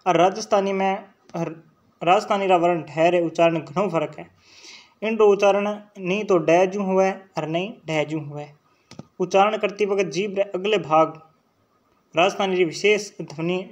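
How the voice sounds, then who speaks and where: High-voiced Rajasthani teacher drilling sounds. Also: male voice, highs cut off. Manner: drills sounds aloud, checks in with "theek hai" often. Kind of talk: online exam-prep lecture.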